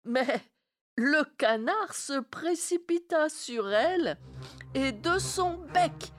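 A woman narrating a fairy tale in a slow, expressive storybook reading. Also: high-pitched.

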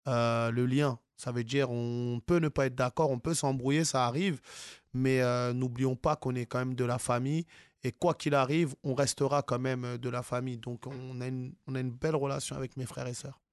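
A man's voice: mid-range voice, steady tone, moderate pace, clean tone, no room sound, clean studio sound. A man from France, an author being interviewed, speaking casually with many fillers and restarts.

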